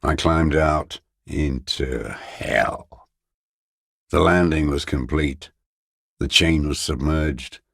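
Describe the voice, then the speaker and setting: A broken old communist deserter for a video game. His voice is extremely low and husky, thick with gravel. He speaks gravely and haltingly, bitter and defiant, mourning as he goes. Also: a bit bright, no room sound, studio quality, heavily acted. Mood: haunted, grave. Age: older. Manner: slow, halting, grave, rhetorical. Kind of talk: dramatic monologue, game voice acting.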